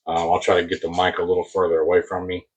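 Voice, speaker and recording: Deep male voice, American accent, husky, laid-back hobby vlogger, rambling, boomy close-miked submarine sound. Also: monotone, fast. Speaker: host of a diecast car collecting channel. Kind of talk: casual hobby unboxing talk to camera. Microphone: new mic placed very close. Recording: muffled, boomy close mic.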